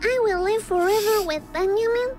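A woman's voice: very high-pitched, normal speed, darkish tone, faint music behind. A woman voicing an innocent, plucky, stubborn little girl in a game, with a childlike, plaintive delivery. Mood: scared, defiant. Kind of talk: game character voice acting.

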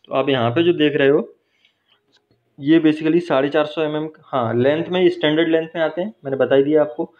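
A man's voice: a little high, fairly even intonation, normal speed. Man explaining in a workshop. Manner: explains step by step, checks in with "ठीक है" and "है ना". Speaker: teacher. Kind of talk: hands-on technical explanation. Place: welding workshop. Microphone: phone held while filming. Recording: dull lo-fi phone recording.

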